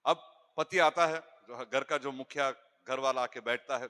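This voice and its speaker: A male pastor giving a humorous sermon, telling stories with lively jokes and interjections. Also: mid-range voice, moderate pace, clear, resonant tone. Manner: animated storytelling with jokes and interjections. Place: church hall. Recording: echoey church hall.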